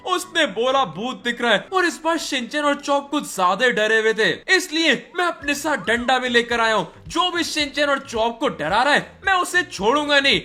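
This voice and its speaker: A man voicing a tired, grumpy older brother in a game role-play dub, gruff and dismissive. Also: very high voice, expressive, moderate pace, few pauses. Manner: gruff and dismissive, calling out loudly. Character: tired grumpy big brother, later worried.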